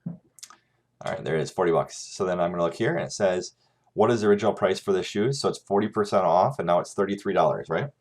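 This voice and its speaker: Man, very low voice, math teacher, screencast lesson, step-by-step, keyboard clicks. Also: expressive, fast, darkish tone. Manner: talks through calculations step by step, checking with "right?".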